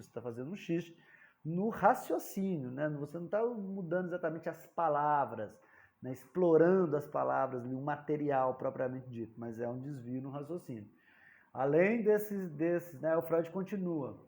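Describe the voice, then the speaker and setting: A man's voice: fairly high pitch, normal speed, a little mellow. Chatty man explaining jokes. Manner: conversational, frequent tag questions, acts out joke dialogues. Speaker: psychoanalysis lecturer. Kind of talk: informal lecture to camera.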